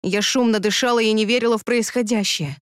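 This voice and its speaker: A woman narrating a first-person audiobook in an expressive, breathy reading voice. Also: fairly high pitch, a little fast, no room sound, studio quality.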